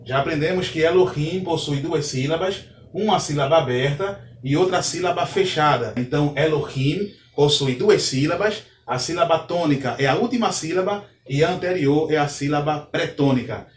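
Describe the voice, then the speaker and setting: Man, patient teacher who explains step by step, slightly high voice, recorded from a distance in an echoey room. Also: moderate pace. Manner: methodical, repeats points, checks in with "ok?". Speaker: Hebrew teacher. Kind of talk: online grammar lesson.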